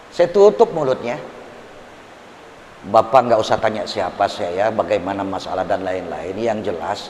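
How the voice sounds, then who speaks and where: An older man preaching a study-circle sermon, telling stories with loud bursts and low asides. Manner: storytelling, swinging from loud outbursts to low asides. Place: large mosque hall. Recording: hiss, long reverb in a hall.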